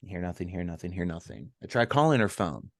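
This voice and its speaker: A middle-aged man with a low voice recounts a personal story for a podcast, stopping and restarting often with ums. The sound is close and dry, with almost no room around it. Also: big pitch swings, no room sound. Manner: halting, with many ums and restarts. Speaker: podcast co-host.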